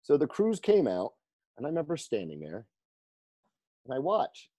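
A man who coaches firefighters on fitness, telling stories in an interview, lively and laughing often as he acts out the people he quotes. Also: medium pitch, moderate pace, no room sound. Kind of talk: storytelling in a conversational interview.

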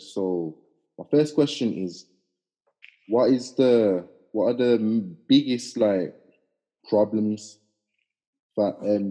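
Young man, British roadman accent, husky, dark soft tone, slangy bantering podcast host, casual group chat. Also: fairly low pitch, poor audio. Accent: British urban roadman slang accent. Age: young adult.

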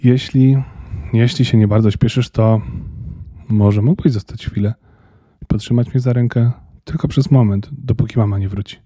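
A man's voice: mid-range voice, steady tone, moderate pace, warm tone, no room sound, studio quality, natural voice. A man voicing a young boy stuck in a hospital bed, earnest and plain.

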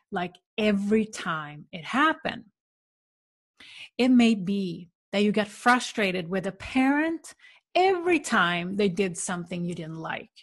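A woman from Sweden, hosting a self-help podcast in a calm, earnest, coaching way. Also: mid-range voice. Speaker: podcast host.

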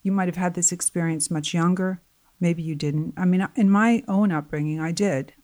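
Earnest middle-aged woman coach, lowish voice. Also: moderate pace. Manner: earnest, animated when quoting others. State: voice getting tired. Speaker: guest, life coach. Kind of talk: conversational interview.

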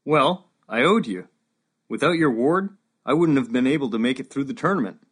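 Max, a man playing a husky young squire. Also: mid-range voice, lively intonation, moderate pace, fairly bright tone. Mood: earnest. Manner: earnest, determined. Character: young male squire, brave and earnest.

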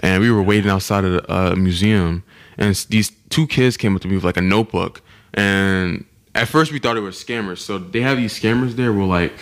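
A man's voice: on the low side, brisk. A young man, a podcast host, chatting casually and acting out the people he met as he tells his travel stories. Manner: animated storytelling, acts out voices of people he met. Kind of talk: casual chat.

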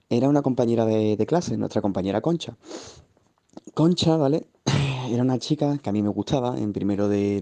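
A man's voice: medium pitch, dark tone. A man from Seville, telling a personal story in a vivid, meandering way with asides. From Seville, Spain. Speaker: guest.

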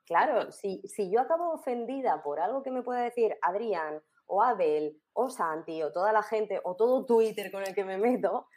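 A woman's voice: medium pitch, expressive, moderate pace, hardly any pauses, a little mellow. A woman from La Mancha with a Spanish accent, talking in casual chat, reflective and hesitant with many fillers. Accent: Spain Spanish. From La Mancha, Spain.

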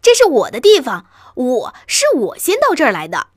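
A shrill, screeching little rat, cranky and possessive, scolding at a high pitch, as a woman storyteller puts him on. The voice leaps about wildly and sits in a dry, close setting. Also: wildly swooping pitch, moderate pace, dry recording, exaggerated voice. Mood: indignant. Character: shrill, territorial male rat, drunk and cranky.

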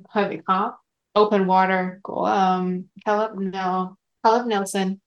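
A woman's voice: medium pitch, little pitch movement, slow pace, highs cut off. A woman co-hosting a casual book podcast, talking in a chatty way with many fillers and English words mixed in. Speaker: podcast co-host. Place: lives in the US.

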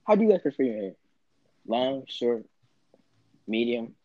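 A man's voice: mid-range voice, very animated, a little slow, mellow, muffled recording, a little hiss or hum. A teenage guy hosting a casual video-call chat with friends, teasing and laughing often. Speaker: host.

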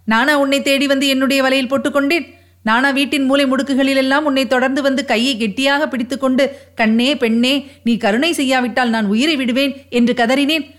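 Woman voicing a witty young wife, proud, quick retorts, high voice, storybook reading. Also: fairly bright tone. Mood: spirited.

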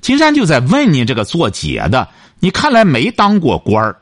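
A man's voice: on the high side, huge pitch swings, normal speed, no echo, studio quality. A man hosting a call-in radio advice show, lecturing and scolding his caller and cutting in on her. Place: radio studio.

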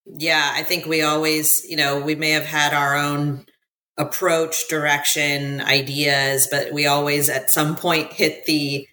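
An American woman chats casually as an interview guest, full of fillers and quick to laugh. Her low voice has a sharp tone and a flat, somewhat slow delivery.

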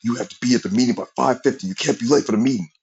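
A man voicing a creepy, bossy male warehouse manager who scolds in a loud whisper. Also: medium pitch, racing, vocal fry, breathy edge, lo-fi sound, pitched above the performer's own voice. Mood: scolding.

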